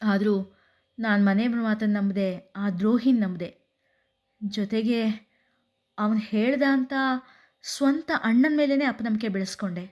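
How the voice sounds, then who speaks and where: A woman's voice: mid-range voice, measured pace, pauses often, a little mellow, natural voice. Woman doing a grieving young woman, betrayed, anguished monologue. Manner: anguished, self-blaming inner monologue.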